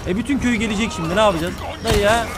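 Streaming a horror game, a young man gives frantic, very fast let's play commentary in a high voice, cursing at enemies nonstop. The audio is very noisy, with game music loud behind him.

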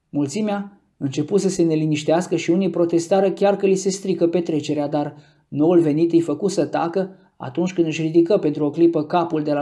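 A man reading an audiobook chapter in steady storytelling narration. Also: fairly high pitch. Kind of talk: scripted narration.

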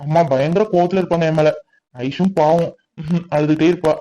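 In a family comedy-drama, an actor plays a protective young husband who reassures his wife in a firm, somewhat bossy way. His voice is on the high side, steady and warm, delivered at a moderate pace and lightly acted, though the recording quality is low.

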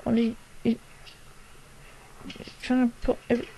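A woman's voice: fairly high pitch, completely flat delivery, moderate pace, dark tone, slight background noise, poor audio. A woman reacting to a horror movie, jumpy and exclaiming, often talking back to the screen. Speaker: reaction video maker.

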